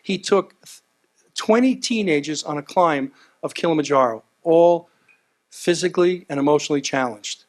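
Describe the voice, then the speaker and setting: A man's voice: fairly high pitch, moderate pace. A man giving a heartfelt speech at a gala, earnest and repetitive, telling stories with animation. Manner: earnest, repeats himself, animated storytelling. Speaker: gala speaker. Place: event hall.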